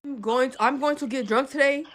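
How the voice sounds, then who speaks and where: A woman's voice: high-pitched, fairly quick, fairly bright tone. A woman ranting in a social media video, angry, hurt and emphatic.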